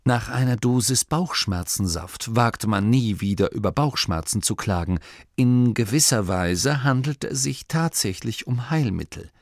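A man narrating a storybook in a measured, expressive manner. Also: medium pitch, dry recording. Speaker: audiobook narrator. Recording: dry, close studio voice.

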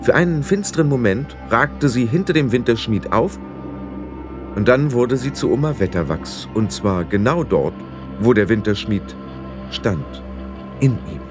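A man reading a fantasy audiobook aloud, expressive and lifting his voice for the characters. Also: unhurried, music in the background. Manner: expressive, raises pitch for the girl's lines. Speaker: audiobook narrator.

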